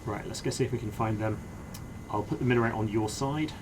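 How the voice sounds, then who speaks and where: A man playing a helicopter pilot in a military game, speaking in measured, understated phrases that switch between casual chat and radio procedure. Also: fairly low pitch, steady tone. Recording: loud helicopter noise behind voice.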